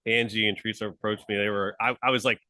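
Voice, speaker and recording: A man's voice: lowish voice, little pitch movement, fast, bright, forceful tone, dry recording, low-quality recording. A man from Pittsburgh, the conference chair, chatting in a live interview with an upbeat, enthusiastic, rambling manner. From Pittsburgh, USA. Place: conference hall table.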